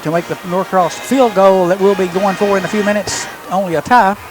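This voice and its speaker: Male play-by-play announcer, high-pitched, openly partisan, live at an outdoor football game. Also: steady tone, fairly quick, music in the background, poor audio. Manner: partisan home-team calling.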